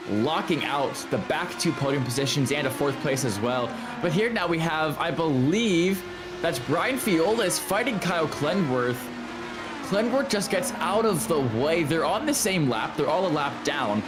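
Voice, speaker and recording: A man giving live motorsport commentary, analysing the race in an emphatic, opinionated way. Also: a little high.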